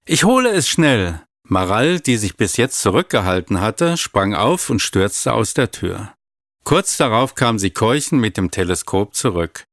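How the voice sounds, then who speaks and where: A man calmly reading a children's story aloud. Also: lowish voice, measured pace, no echo, clean studio sound. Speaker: narrator.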